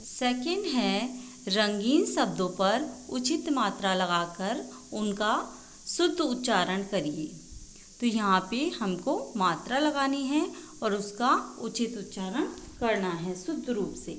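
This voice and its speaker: Slow, patient woman teacher in an echoey room. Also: medium pitch, lively intonation. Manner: slow, patient, spells out words and repeats answers. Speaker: school teacher. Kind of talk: recorded Hindi class lesson for young children. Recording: echoey room, faint background noise.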